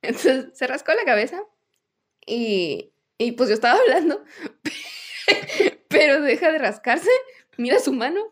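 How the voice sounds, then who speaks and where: Mexican girl chatting on a podcast, super animated, jumps all over in pitch. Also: unhurried, long pauses, slightly rough. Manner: animated storyteller acting out quotes, laughs often. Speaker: podcast co-host. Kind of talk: casual chat.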